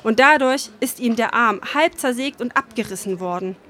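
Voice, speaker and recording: A woman's voice: on the high side, normal speed, pushed and bright. A woman reading the part of a shy young male factory worker in a story, pleading earnestly and sorrowfully.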